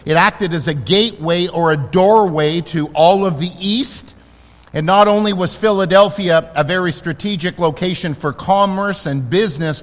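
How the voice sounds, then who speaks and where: A male pastor delivers an earnest, emphatic sermon in a church, slowing down to stress his key words. His voice sits high for a man. The sound carries a long reverb, as if it fills a large hall. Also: fairly bright tone.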